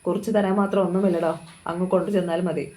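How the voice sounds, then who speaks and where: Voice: medium pitch, little pitch movement, fast, a little mellow, lightly acted. A narrator voicing a heartless, stout female nurse who speaks rudely and dismissively in a storybook reading. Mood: scornful. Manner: rude, dismissive.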